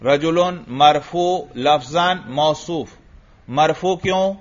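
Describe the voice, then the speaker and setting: Man quizzing a grammar class. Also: on the high side. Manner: drills students with rhetorical questions, then answers himself. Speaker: Arabic grammar teacher. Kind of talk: classroom grammar lesson, question and answer. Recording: dull lo-fi recording.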